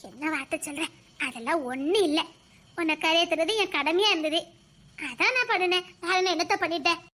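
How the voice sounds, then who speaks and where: Casting: a woman playing an exasperated village mother, bright and very high, sharp-tongued. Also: brisk. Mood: modest. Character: scolding village mother of three daughters. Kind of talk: homemade village drama.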